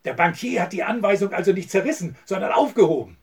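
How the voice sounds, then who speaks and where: A man's voice: high voice, expressive, quick pace, slightly rough, distant mic, voice pushed up, exaggerated voice. A man reading the part of a scheming, hot-tempered male oil swindler in an audiobook, talking agitated and bitter. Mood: relieved.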